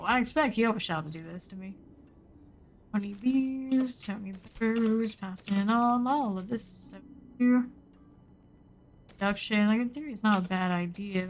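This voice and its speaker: A woman's voice: mid-range voice, moderate pace, soft background music. A woman giving casual live gameplay commentary, muttering in short clipped fragments as she thinks aloud. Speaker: game streamer.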